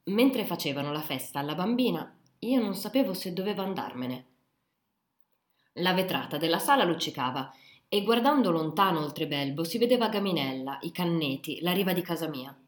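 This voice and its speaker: A woman narrating a literary novel in a calm, measured audiobook reading. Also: on the low side. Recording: roomy echo.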